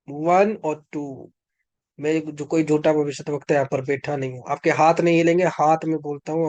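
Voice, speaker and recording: A man's voice: on the high side, darkish tone, no room sound. A man preaching and prophesying over a video call, fervent and commanding, breaking into bursts of speaking in tongues as he leads prayer. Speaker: preacher leading an online prayer session. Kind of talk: charismatic sermon with prophecy and prayer.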